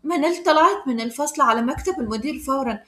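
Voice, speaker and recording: A woman with an Egyptian accent narrating a storybook tale in a brisk, dramatic way. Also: high-pitched, lively intonation, a bit bright, roomy sound. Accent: Egyptian Arabic.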